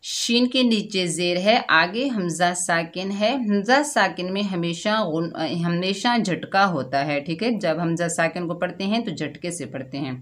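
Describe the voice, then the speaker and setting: Slow, patient woman teaching recitation. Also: on the low side. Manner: patient and explanatory, often adding a checking "theek hai"; slows and draws out the recited words. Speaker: Quran tajweed teacher. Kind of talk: slow word-by-word recitation lesson.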